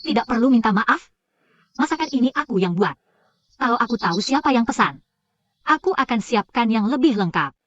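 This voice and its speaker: A woman voicing a calm, self-assured young chef in a dubbed drama. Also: a little high, moderate pace, long pauses, muffled recording. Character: proud young female chef, calm and firm.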